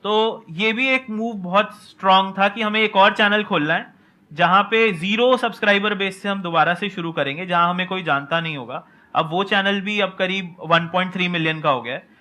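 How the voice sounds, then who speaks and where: A man speaking in a measured, explanatory way as a business co-founder on a discussion panel, mixing English words into Hindi. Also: high voice, bright, forceful tone. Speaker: co-founder of an online coaching channel. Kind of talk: conversational panel talk.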